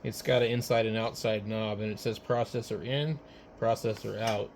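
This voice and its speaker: The man speaks at normal speed in a voice on the low side, sounding informal and a little hesitant over amateur radio. Constant background noise marks the recording, which is picked up on the hand mics he switches between.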